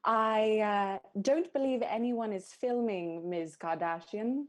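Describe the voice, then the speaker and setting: A woman's voice: medium pitch, takes it slowly, natural voice. A woman playing a polite, formal island housekeeper who hesitates with many ums.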